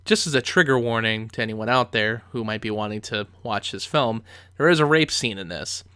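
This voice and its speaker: Bright-voiced man reviewing films. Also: on the low side, normal speed, smooth, dry recording, studio quality. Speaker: film reviewer. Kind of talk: conversational film commentary.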